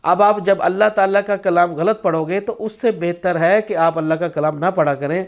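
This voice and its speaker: Guy teaching, kinda high voice, firm, repeats himself a lot. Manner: slow chanted recitation, then firm explanatory speech. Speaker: spiritual practice teacher. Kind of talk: instructional talk with Quranic recitation.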